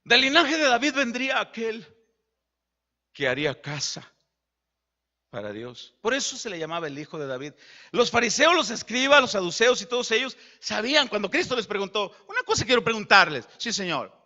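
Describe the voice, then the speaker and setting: A man preaching a sermon as pastor, animated and acting out dialogue. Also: very high-pitched, moderate pace. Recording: dull lo-fi.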